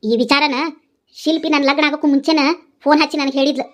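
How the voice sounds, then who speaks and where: A woman's voice: high-pitched, fairly even intonation, quick pace, lightly acted. Woman voicing a defensive young cartoon wife. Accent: North Karnataka Kannada. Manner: defensive, pleading, explaining.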